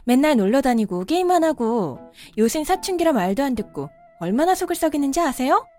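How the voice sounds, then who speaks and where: A woman's voice: high-pitched, big pitch swings, brisk, darkish tone. A woman voicing a respectful yet insistent daughter-in-law and mother, in a cartoon drama. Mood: firm. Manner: polite, respectful, growing insistent. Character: daughter-in-law, polite but firm mother. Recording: faint background music.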